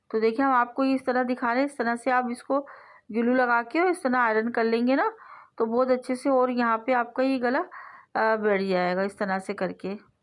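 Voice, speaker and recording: A woman hosting a sewing tutorial, explaining each step patiently in a voice-over and repeating her phrases. She often lets her voice trail off softly at the end of a step. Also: fairly high pitch. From South Asia. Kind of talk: instructional voice-over.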